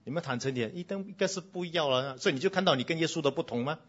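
Preaching to his congregation, a man swings between loud exclamations and hushed lines, drops in English phrases, and speaks straight to the children. His voice is a little high, very fast, and slightly rough, and the recording sounds muffled.

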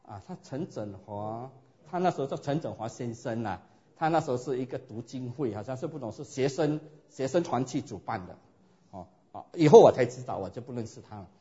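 A man preaching a sermon and telling his own story in a lively way, often asking his listeners rhetorical questions. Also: medium pitch. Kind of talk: sermon with personal testimony. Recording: dull lo-fi recording.

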